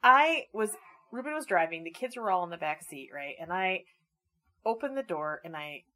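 A woman's voice: on the low side, lively intonation, normal speed, bright, forceful tone. A middle-aged woman co-hosting a podcast in casual chat, telling a funny family story and laughing through her words. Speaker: podcast co-host.

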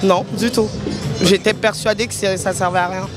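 A woman's voice: medium pitch, fairly even intonation, moderate pace. A young woman answering a street interview in a firm, self-assured, decisive way. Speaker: passerby interviewee. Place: busy city street outdoors. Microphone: handheld mic held by interviewer. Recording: street crowd and music behind.

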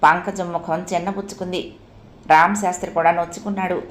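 Woman narrating an audiobook story, steady and expressive, echoey room. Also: on the low side, fairly quick.

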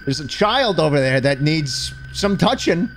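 A man giving loud, excitable, swearing commentary while playing a game. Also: fairly high pitch, unhurried, noisy background. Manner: excitable, swearing, laughing outbursts. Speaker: gaming streamer. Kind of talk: let's-play commentary. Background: game music.

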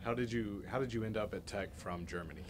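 A man off camera reading interview questions in a brisk, plain way. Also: fairly low pitch, noisy background.

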